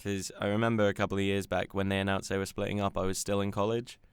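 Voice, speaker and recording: A man's voice: deep voice, little pitch movement, fast. A young man from England co-hosting a podcast in joking, teasing casual chat on a close mic. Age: young adult. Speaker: podcast co-host. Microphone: close mic without pop shield.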